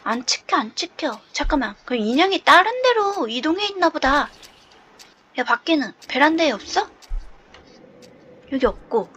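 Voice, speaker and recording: Woman streamer, horror game playthrough, high voice that swings a lot, jumpy and chatty. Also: very animated, moderate pace, long pauses, fairly bright tone, a little hiss or hum. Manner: chatty, jumpy, lots of nervous laughter. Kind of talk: horror game let's play.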